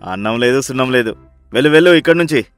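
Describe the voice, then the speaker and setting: A man's voice: mid-range voice, lively intonation, a little fast, a bit bright, no room sound, faint music behind, natural voice. A man playing a sarcastic stingy rich miser. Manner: sarcastic, scolding, impatient. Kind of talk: storybook voice acting.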